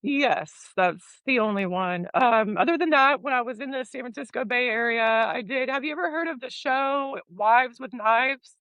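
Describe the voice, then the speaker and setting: A woman guest in an interview, speaking in a high voice with an easygoing, relaxed way of telling her stories. She laughs along readily, and the sound is dry with no room echo. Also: moderate pace, few pauses, lo-fi sound. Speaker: guest actress. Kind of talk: casual interview chat.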